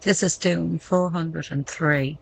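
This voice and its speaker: A woman's voice: low voice, fairly even intonation, takes it slowly, creaky, slightly rough, poor audio. A woman giving casual gameplay commentary, thinking aloud and reading menu text out as she goes.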